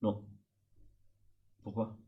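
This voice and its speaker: Here the French guest on the stream speaks very slowly, and the sound is lo-fi. He's a man older than his host, chatting informally and explaining at length with frequent hesitations.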